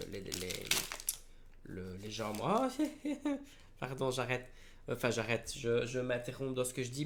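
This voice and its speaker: Un jeune homme qui commente en direct l'ouverture de cartes à collectionner, sur un ton décontracté, avec beaucoup d'hésitations et de reprises. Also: male voice, mid-range voice, gravelly, a little hiss or hum. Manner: hesitant, many fillers and restarts. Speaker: card opening vlogger. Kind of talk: casual unboxing commentary.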